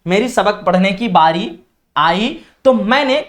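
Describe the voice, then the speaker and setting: A woman's voice: mid-range voice, expressive. A woman teaching a literature lesson. She explains the text line by line, asks the class questions and answers them herself. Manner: explains words by repeating the text slowly. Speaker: Urdu teacher.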